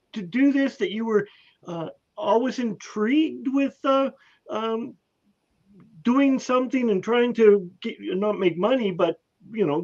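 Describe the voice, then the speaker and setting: A man co-hosting a podcast, asking a long, halting question full of restarts and repeated words. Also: very high voice, a little mellow. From Canada. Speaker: podcast co-host. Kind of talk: interview question. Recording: dull lo-fi audio.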